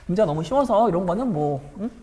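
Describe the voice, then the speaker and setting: A woman's voice: mid-range voice, animated, fast, dark tone, roomy sound, in a large hall. A woman teacher walking students through exam problems in a chatty lecture, often checking in with rhetorical questions. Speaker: high school history teacher.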